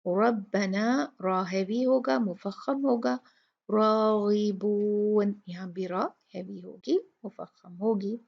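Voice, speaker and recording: A woman teaching a Quran recitation lesson. She explains each letter methodically and models slow recitation. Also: mid-range voice, creaky, slightly rough. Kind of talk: tajweed tutorial. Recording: dull lo-fi recording.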